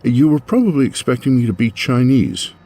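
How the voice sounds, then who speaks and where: A feisty, sarcastic young woman in an audiobook, as a male narrator puts her on. The voice jumps well above his own and pushes louder. A husky grain stays underneath. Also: medium pitch, wildly swooping pitch, slow, pitched above the performer's own voice, full character voice. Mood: flustered. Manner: sarcastic, exclaiming. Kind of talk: audiobook character voice.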